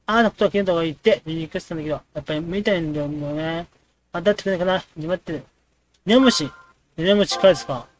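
A man's voice: a little high, slight background noise. A man casually commenting and joking while playing a dating game. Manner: quick, joking reactions to the game. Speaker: let's play host.

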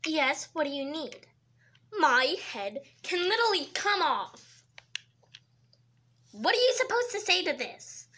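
With a high, sing-song voice that is bright and forceful, a woman who makes toy videos performs each character in a homemade toy-pet hospital short. She takes her time, leaving long pauses, and goes from whispers to squeals, all over a faint hiss.

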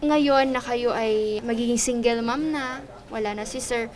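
Respectful female interviewer, fairly high voice, gentle questions. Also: unhurried. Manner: polite, uses "po" and "ma'am".

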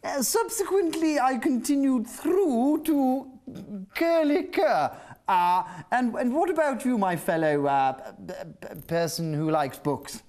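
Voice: high voice, animated, takes it slowly, darkish tone. A performer playing a silly, eager adult man in a kids' puppet show, with bouncy put-on voices. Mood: mock-posh. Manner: bouncy, goofy, swooping voice put-ons.

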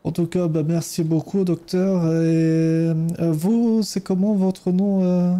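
A man putting on a slow Ukrainian taxi driver. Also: medium pitch, completely flat delivery, mellow, natural voice. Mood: polite. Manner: fake Ukrainian accent, broken French grammar. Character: Ukrainian immigrant male taxi driver, polite, broken French. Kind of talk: role-play in a game.

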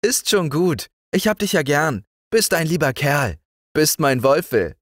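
A man doing a bright brave little girl. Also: on the high side, a little slow, no echo, studio quality, voice pushed up. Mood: cheerful. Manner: bright, lively, eager child voice.

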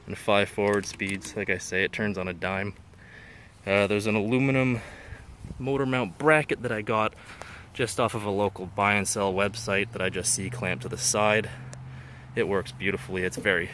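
Casual low-voiced man outdoors. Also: a bit bright, slight background noise. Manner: enthusiastic, plain-spoken. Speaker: angler showing his canoe. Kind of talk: casual walkthrough. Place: outdoors on a lawn. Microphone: handheld phone camera.

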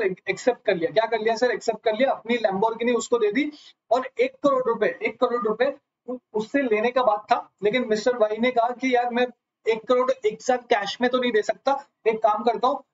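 A man teaching a live online lecture, asking his students question after question and calling them sir. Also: very high-pitched. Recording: slightly dull lo-fi audio.

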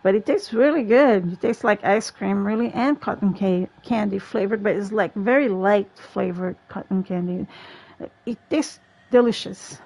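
A woman's voice: medium pitch, moderate pace, creaky, a little mellow. A young woman livestreaming a game from home, chatting casually and playfully with teammates and laughing often. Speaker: gaming livestreamer. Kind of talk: casual live gameplay chat. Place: home, in a gaming chair.

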